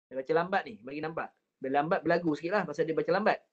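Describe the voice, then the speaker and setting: A man with a Malaysian Malay accent teaching an online Quran recitation class, patiently repeating drills and drawing words out slowly to demonstrate. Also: on the high side, muffled recording.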